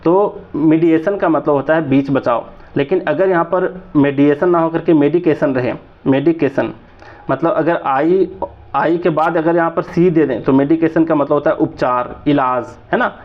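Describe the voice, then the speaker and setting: Man, thirties, Jharkhand accent, chatty vocabulary teacher, a little high, slightly muffled lo-fi recording. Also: moderate pace. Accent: Jharkhand Hindi. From Jharkhand, India. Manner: chatty, often asks "है ना?". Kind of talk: exam vocabulary lesson.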